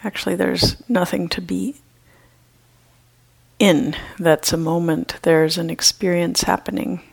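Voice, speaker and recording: A woman leads a guided meditation as teacher, gentle and slow with long pauses. Her voice is on the low side, slightly rough with vocal fry and fairly even intonation, and the audio quality is poor.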